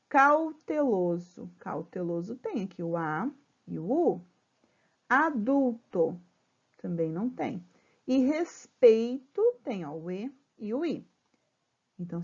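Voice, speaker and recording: A Brazilian woman teaching a remote grammar lesson to children, patiently spelling out syllables slowly and checking in often. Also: medium pitch, creaky, a little mellow, slightly rough, lo-fi sound. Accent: Brazilian Portuguese.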